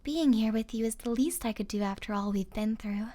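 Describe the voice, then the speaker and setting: In an ASMR roleplay, a woman plays a loyal young survivor of a zombie apocalypse, distraught and pleading in an emotional, upset delivery. Her natural, warm voice sits on the high side and moves briskly.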